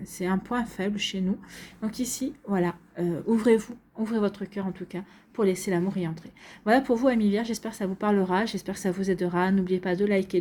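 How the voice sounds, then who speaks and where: A woman's voice: mid-range voice, mellow, a little hiss or hum. A woman giving a casual tarot reading to her viewers, chatty and full of fillers and repeats. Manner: chatty, many fillers and repeated "donc ici". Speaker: tarot card reader.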